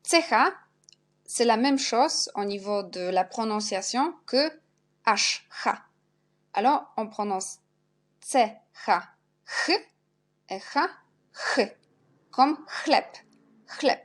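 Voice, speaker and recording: A woman's voice: fairly high pitch, expressive, slow pace, long pauses. A woman teaching Polish pronunciation in French, sounding out each letter and example word and repeating it. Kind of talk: spelled-out pronunciation lesson.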